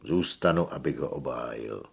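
A man voicing a gruff, protective old peasant who scolds and argues in his defense. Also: a bass voice, a little hiss or hum. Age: older. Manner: gruff, scolding then placating.

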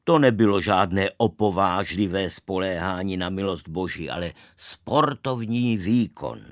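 A man's voice: fairly low pitch, no room sound, studio quality, lightly acted. A man reading the part of a proud, boastful young village boy in a storybook tale, his tone plain and matter-of-fact.

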